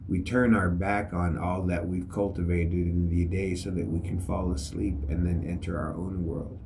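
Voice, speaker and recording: A man's voice: deep voice, level tone, normal speed, creaky, a little mellow, a little hiss or hum. A middle-aged man, an army veteran, telling a story in a casual, rambling way with many fillers. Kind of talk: casual spoken reflection.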